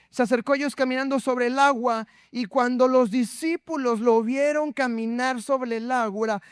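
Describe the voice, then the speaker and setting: A man's voice: very high voice, clear, resonant tone, dry recording, clean studio sound. A man preaching a sermon, reading scripture aloud and putting questions to the congregation. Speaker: pastor.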